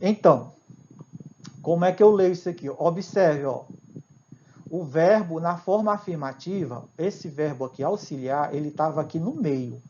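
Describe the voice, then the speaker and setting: A man's voice: on the high side, normal speed, a little mellow. A man with a Brazilian accent, an English teacher giving a recorded grammar lesson, explaining patiently and often checking in with his students. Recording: dull lo-fi with faint hiss.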